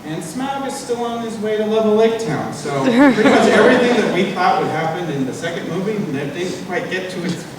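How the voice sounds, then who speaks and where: A man with a high voice and lively intonation hosts a panel in a large convention hall, speaking fairly quickly with hardly any pauses and plenty of fillers in a loose, casual presentation. A loud crowd is audible, and the distant mic picks up the hall's echo.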